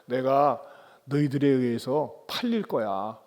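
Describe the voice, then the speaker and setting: Figure: grave male teacher, voiced by a preacher. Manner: calm, quiet, measured. Sex: man. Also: mid-range voice, big-room sound, lightly acted.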